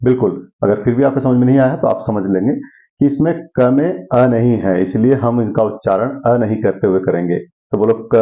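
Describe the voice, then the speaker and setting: A man's voice: medium pitch, highs cut off. Man teaching Sanskrit grammar, quizzing aloud. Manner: asks questions and answers them himself. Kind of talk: classroom lesson.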